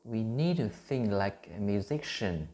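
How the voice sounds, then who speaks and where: A man's voice: lowish voice, animated, unhurried, dark tone. A man in his thirties from Vietnam with a Vietnamese accent, earnestly teaching English pronunciation into his phone, with many fillers and restarts. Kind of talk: self-recorded teaching vlog.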